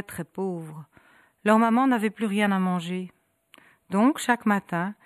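A woman's voice: mid-range voice, dry recording. Dry-voiced woman telling a story. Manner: rhythmic, repetitive, dramatic pauses. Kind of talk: storytelling narration.

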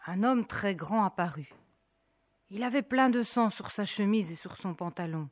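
A woman narrating a folk tale in a rhythmic, repetitive storytelling manner with dramatic pauses. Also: mid-range voice, animated, slight background noise.

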